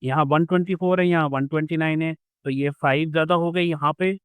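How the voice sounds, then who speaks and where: A man's voice: a little high, fairly even intonation, fairly quick, clear, resonant tone, dry recording. Man teaching math. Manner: patient, explains step by step with everyday examples. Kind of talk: explaining a school math lesson.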